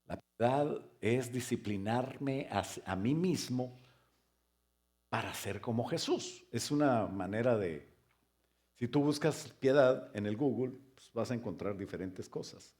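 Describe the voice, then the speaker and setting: A man preaching a sermon as pastor, firing rhetorical questions and joking asides, now loud and emphatic, now quiet. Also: mid-range voice, expressive, measured pace. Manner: swings between loud emphatic stress and soft quiet stretches.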